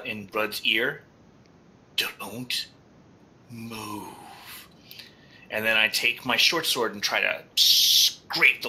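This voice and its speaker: A man's voice: lowish voice, pushed and bright, poor audio. A man playing a tabletop game, thinking aloud as he describes his character's moves. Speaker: player.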